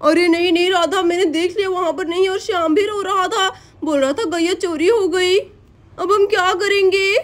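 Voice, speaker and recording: A gentle, worried village father, played by a woman in a cartoon story. His voice sits high and he keeps reassuring his family in a soft, soothing way. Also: steady tone, normal speed. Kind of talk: Hindi cartoon story voice acting.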